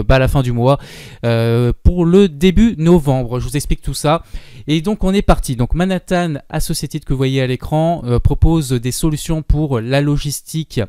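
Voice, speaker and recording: A man's voice: medium pitch, warm tone, clean tone, dry recording, clean studio sound. A man hosting his own investing channel, walking viewers through a stock in casual screen-share commentary with plenty of fillers and asides. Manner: informal, many fillers and asides.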